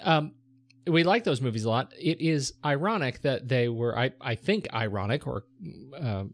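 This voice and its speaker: A man's voice: mid-range voice, animated, normal speed. A man hosting a podcast in casual chat, rambling and hesitant as he goes. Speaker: podcast host.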